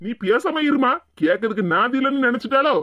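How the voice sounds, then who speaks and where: A woman's voice: high-pitched, lively intonation, fast, highs cut off. A woman voicing a stubborn, angry young husband in Tirunelveli Tamil. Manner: insistent, hot-tempered.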